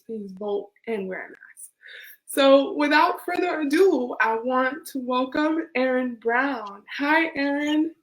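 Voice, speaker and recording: A woman's voice: medium pitch, poor audio. A woman hosting an online talk show, upbeat and repeating her pleas for emphasis, on a video call. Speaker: host.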